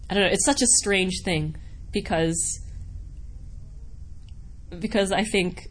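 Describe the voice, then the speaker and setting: With a medium-pitched voice and a slow delivery, a voice actor from Wisconsin in the United States gives relaxed, rambling interview answers. She comes across as chatty, giggly and self-deprecating. Background noise is clearly audible.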